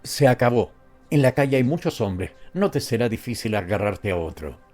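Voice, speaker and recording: A man's voice: medium pitch, sing-song, moderate pace, darkish tone, faint music behind. A man reading the part of a rude omnibus conductor who mocks and brushes people off. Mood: mocking. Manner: gruff, scornful.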